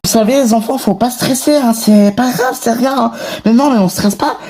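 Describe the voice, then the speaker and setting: A woman's voice: a little high, normal speed, mellow, slight background noise, voice pushed up, close to an everyday voice. A woman voicing a tired mother of a big family in a toy-figure series, rambling with lots of fillers and restarts. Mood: reassuring. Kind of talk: improvised home-video voice acting.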